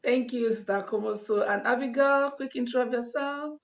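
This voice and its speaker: A woman's voice: on the high side, moderate pace. A woman hosting an online panel, introducing guests in an upbeat, encouraging way. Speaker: host. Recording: dull, lo-fi sound.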